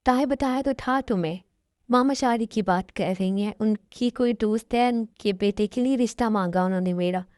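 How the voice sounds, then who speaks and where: A woman's voice: mid-range voice, normal speed, a little mellow, no echo, clean studio sound, natural voice. A woman dubbing a tearful young woman who pleads with her best friend, in an amateur dubbed love story. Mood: pleading. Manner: pleading, emotional.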